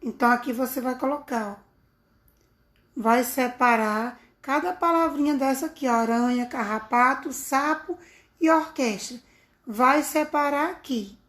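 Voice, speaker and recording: A woman's voice: sits high, a little slow, fairly bright tone. A woman teaching young children a remote lesson, speaking in a sing-song, affectionate teacher manner, recorded on a phone. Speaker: primary school teacher.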